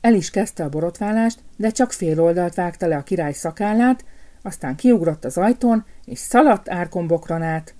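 A woman calmly reading a fairy tale aloud as storyteller. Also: lowish voice.

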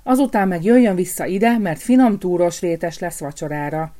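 A woman's voice: on the low side, animated, dark tone, natural voice. A woman voicing a kindly, fussing older female palace cook. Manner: fussing, slow and emphatic.

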